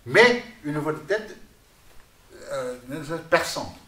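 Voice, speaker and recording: A man's voice: fairly high pitch, big pitch swings, takes it slowly, bright, forceful tone. A man from Vietnam, a guest musician giving a rambling lecture on singing voices, often asking "n'est-ce pas?". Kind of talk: lecture with vocal demonstrations. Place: artist's workshop, indoors. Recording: roomy hall with faint noise.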